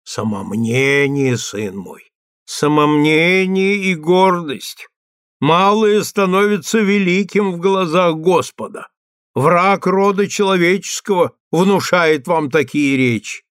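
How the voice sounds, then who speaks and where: A man voicing a fanatical old priest who preaches in slow, impassioned tones. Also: high-pitched, fairly bright tone, clean tone, no echo, studio quality, voice pushed up. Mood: preachy.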